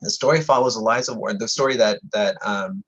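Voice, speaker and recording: A man's voice: fairly low pitch, quick pace, a bit bright, breathy edge. A man giving a history lecture, reading from prepared text and often correcting himself, at times talking over sirens. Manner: reads prepared text with frequent stumbles and self-corrections. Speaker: lecturer presenting a book on historic buildings. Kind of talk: slide-illustrated history lecture. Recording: slightly dull, muffled audio with passing sirens.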